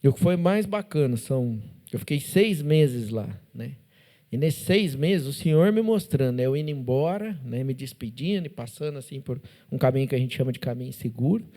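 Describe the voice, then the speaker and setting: A man with a Brazilian Portuguese accent, a podcast guest telling faith stories in a casual, animated way, acting out dialogue and tagging sentences with "né?". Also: medium pitch, fairly quick. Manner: animated, acts out dialogue, constant "né?" tags. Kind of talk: casual testimony storytelling. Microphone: studio podcast mic.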